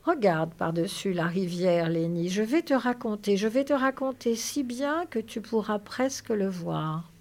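A woman reading aloud and voicing a weary, protective working man who speaks in a flat, strained way. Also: mid-range voice, unhurried, few pauses.

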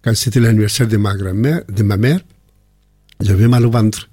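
An older man speaking French with a foreign accent, telling personal stories in a relaxed conversation with frequent restarts. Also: lowish voice, normal speed, slightly rough, dry recording, clean studio sound. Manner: warm anecdotal storytelling with frequent restarts. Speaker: guest. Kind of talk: casual conversation.

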